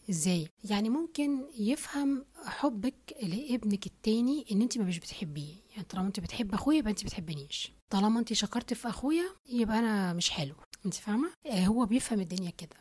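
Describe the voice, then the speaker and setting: A woman's voice: medium pitch, a little mellow, husky. A woman with an Egyptian accent giving casual parenting advice to mothers, often speaking straight to the listener and checking that she understands. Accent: Egyptian Arabic. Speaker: family and parenting teacher.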